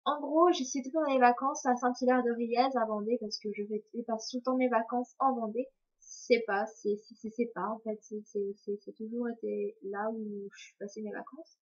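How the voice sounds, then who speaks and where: A woman's voice: fairly high pitch, steady tone, normal speed, a little mellow, slightly rough, lo-fi sound. A young woman chatting casually to camera as a vlogger, rambling, tripping over her words and poking fun at herself. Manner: rambling and self-mocking, trips over words. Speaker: vlogger answering viewer questions.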